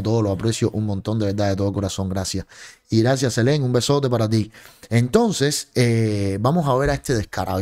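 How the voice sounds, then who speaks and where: A man's voice: fairly low pitch, dark tone. A young man with a Cuban accent hosts a livestream from a lit-up home room. He talks close to a large studio microphone. His tone is mocking and scolding, full of sarcastic jabs. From Cuba. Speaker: political commentary streamer. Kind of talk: livestream commentary. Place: home streaming room with colored lights. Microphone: large studio mic on a boom in front of face.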